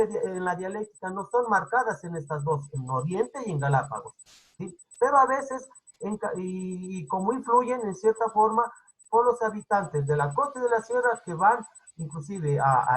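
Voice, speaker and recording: A teacher with a Quito highland accent, giving an online class lecture and explaining patiently while constantly checking in with the students. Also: low-quality recording. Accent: Quito highland Spanish. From Ecuador.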